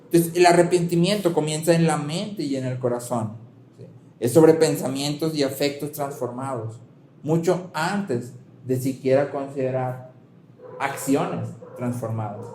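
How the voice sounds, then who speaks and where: A man's voice: on the high side, unhurried, warm tone, a little hiss or hum. A man preaching a sermon as a pastor, conversational and full of rhetorical questions and check-ins with the congregation. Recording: roomy hall with faint ambience.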